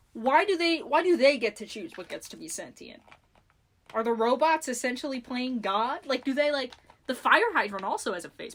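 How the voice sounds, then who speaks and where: A young woman co-hosting a casual chat podcast, with a fairly high voice. She jokes around with an animated, irreverent delivery and swears freely. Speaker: podcast co-host.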